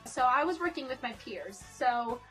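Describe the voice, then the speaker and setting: A young woman narrating a casual vlog about directing her school show, quick and self-mocking in manner. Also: high-pitched, animated, a bit bright, faint music behind.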